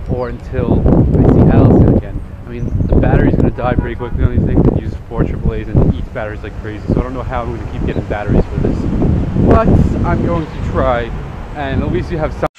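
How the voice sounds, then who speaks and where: A man's voice: medium pitch, fairly even intonation, fast talker. A young man chatting casually to an old handheld camcorder outdoors. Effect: old camcorder audio. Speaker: vlogger. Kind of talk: casual vlog chat. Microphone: small handheld camcorder. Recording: muffled lo-fi camcorder audio with loud hiss and wind noise.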